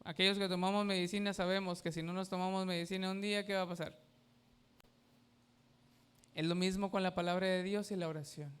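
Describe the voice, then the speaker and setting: A man's voice: high-pitched, little pitch movement, brisk, long pauses, smooth. A man, a pastor preaching a sermon, emphatic and asking the congregation questions. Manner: emphatic, asks the congregation questions and has them repeat.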